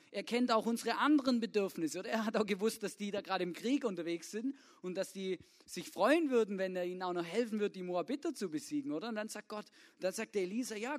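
A young man preaching a casual youth sermon, full of slang and often asking the listeners to agree. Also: high voice. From Swabia, Germany. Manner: casual, informal, keeps asking "oder?".

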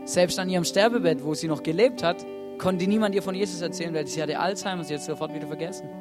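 This preacher's voice leans high and moves at a quick pace as he urges the congregation from a church stage. He asks them questions, often leading with "hey," over quiet guitar music.

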